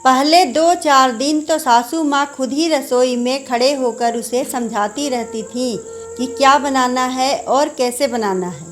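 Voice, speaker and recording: A woman narrating a family story in a calm, measured storytelling manner. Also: high voice. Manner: calm, measured storytelling, voicing characters lightly. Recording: soft music underneath. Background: faint background music.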